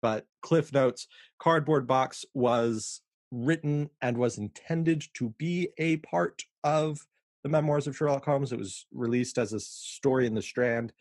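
Chatty podcast co-host, dry sound. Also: male voice, medium pitch, a little mellow, no room sound. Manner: chatty, laughing, reads quotes aloud. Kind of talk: casual chat.

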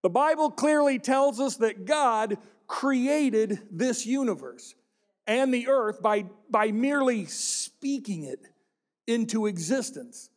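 A man's voice: very high voice, lively intonation, takes it slowly. A middle-aged man preaching a sermon, with playful joking asides to the congregation. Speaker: pastor.

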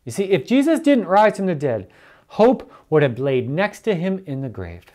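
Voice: medium pitch, very animated, normal speed, mellow. A church elder preaching earnestly and stressing key points by repeating them. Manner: earnest, emphatic repetition.

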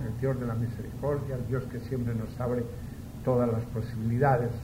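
A male priest delivers scripture and homily in an earnest, direct manner. His mid-pitched voice rings with cathedral-like echo, and clear background noise sits behind it. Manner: earnest, conversational preaching with rhetorical questions. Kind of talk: liturgical Gospel reading and informal homily. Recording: echoey church sound, clear background noise.

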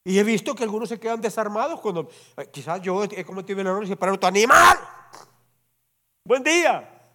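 A pastor preaching a sermon to his congregation in church, animated and often asking them to agree. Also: sits high, rapid-fire, noisy background. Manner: animated preaching, constantly asks the congregation "¿verdad?". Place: church service before a congregation.

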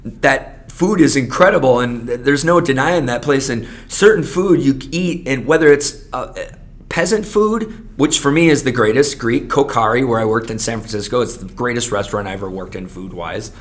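Man, server, foul-mouthed animated ranter, mid-pitched, casual chat. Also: moderate pace. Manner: profane, animated ranting. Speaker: restaurant server. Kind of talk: casual conversation.

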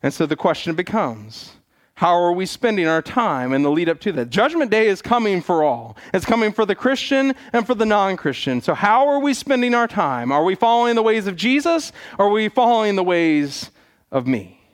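Male preacher, high-pitched voice, earnest exhortation, church sermon delivery, emphatic pauses on key phrases. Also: sing-song. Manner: earnest exhorting, with rhetorical questions and repetition.

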